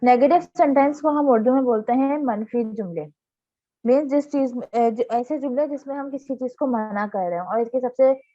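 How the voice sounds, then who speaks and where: A patient woman teacher runs a grammar lesson, breaking each point down step by step and pausing to check that the class is following. Her voice sits a little high, and she reads example sentences slowly and deliberately. The recording is dull and lo-fi. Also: mellow. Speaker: English teacher.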